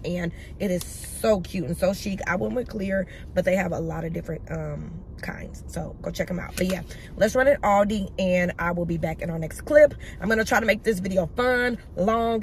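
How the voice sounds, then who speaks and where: Talking to her viewers as "y'all," this young lifestyle vlogger keeps things casual in a medium-pitched voice, with slight background noise. The chat to camera starts at home and moves to a store where she shops.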